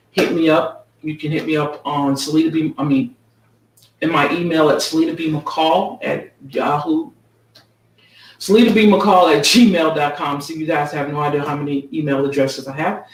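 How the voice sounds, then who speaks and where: Chatty woman author with a roomy echo. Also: low-pitched. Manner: casual, ends many sentences with a checking "okay?". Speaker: author promoting her own book. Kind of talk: casual live video chat. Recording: roomy echo, mic set far off.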